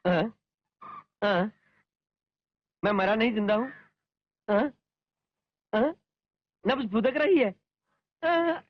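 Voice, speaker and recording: A man's voice: sits high, expressive, slow, long pauses, full character voice. A man dubbing a blustering, cowardly, lecherous comic villain in a film. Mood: pleading. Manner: boastful, then whining and pleading. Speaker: dubbing actor. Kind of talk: Hindi film dub. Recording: dull film soundtrack with music.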